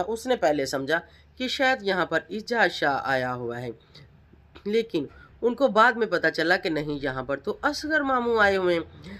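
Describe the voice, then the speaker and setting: Emphatic woman vlogger, bright voice. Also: on the low side. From Pakistan. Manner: emphatic, accusing, rhetorical questions. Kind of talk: reaction vlog commentary.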